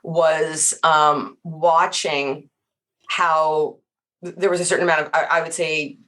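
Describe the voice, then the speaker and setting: A middle-aged woman, a guest on a casual podcast discussion, animated and emphatic, with many fillers and restarts. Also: low voice, slow pace.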